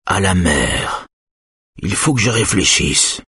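A man's voice: sits low, sing-song, slow pace, bright, forceful tone, breathy edge, no room sound, clean studio sound, heavily acted. A man reading an audiobook, voicing a stubborn, injured father in his sixties who gives curt commands.

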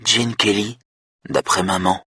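A man with a husky voice, voicing a hypnotized woman who relives her childhood in a faint, childlike way. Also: lowish voice, steady tone, a little slow, sharp tone, dry recording, studio quality, full character voice. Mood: dreamy.

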